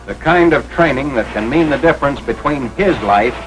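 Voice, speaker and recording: An American man narrates a 1940s military training film in a formal, clipped, authoritative style meant to instruct. His voice is medium in pitch and expressive, moving at a moderate pace over soft background music. The recording is a noisy vintage 1940s film soundtrack.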